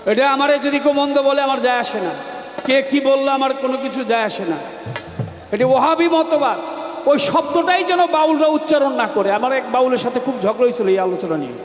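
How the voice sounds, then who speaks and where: A man with a strikingly high voice addresses a live crowd from the stage, preachy and scolding, sometimes rising to a shout. The sound is a big echoey hall with a long reverb trailing every phrase. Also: animated, fast, over music. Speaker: folk singer in a stage contest. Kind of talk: spoken address to a live audience.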